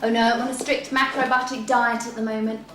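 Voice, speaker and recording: An actress playing a breezy, self-satisfied teacher. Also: female voice, fairly high pitch, level tone, fast, recorded from a distance, noisy background, close to an everyday voice. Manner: airy, self-satisfied, chatty. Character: breezy flirtatious woman teacher, middle-aged. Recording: echoey room, music behind.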